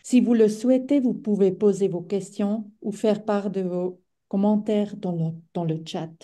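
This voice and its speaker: A woman's voice: medium pitch, unhurried, mellow. A woman speaking French as a non-native with a foreign accent, explaining things to webinar participants and searching for her words. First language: not French. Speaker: webinar co-facilitator.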